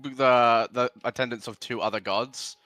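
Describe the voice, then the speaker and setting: A man chatting casually as a player in a tabletop game, halting and repeating his opening words. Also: medium pitch, fairly even intonation, bright, forceful tone, dry recording. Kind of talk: casual chat.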